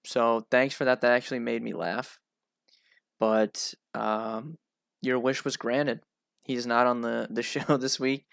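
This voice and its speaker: A nasal-voiced man hosts a casual solo analysis show, keeping a chatty, relaxed tone. His delivery stays fairly level in pitch, with a gravelly fry underneath. The sound is close and dry. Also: measured pace, dry recording. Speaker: host.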